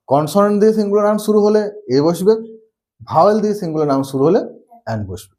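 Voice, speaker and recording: Grammar teacher, male, high voice, drills rules with questions he answers himself. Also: darkish tone. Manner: asks the class questions and answers them himself, repeats key rules. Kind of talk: classroom-style lesson.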